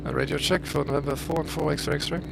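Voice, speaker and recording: A man's voice: fairly high pitch, fairly even intonation, quick pace, creaky, heavy background noise. A man making radio calls to a tower as a simulator pilot, talking into a cockpit headset mic in clipped phraseology with hesitant fillers.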